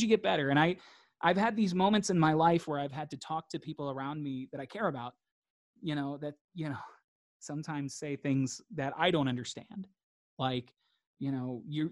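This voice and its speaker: A man's voice: fairly high pitch, dry recording. A man, a guest in a reflective interview, talking earnestly and repeating phrases for emphasis.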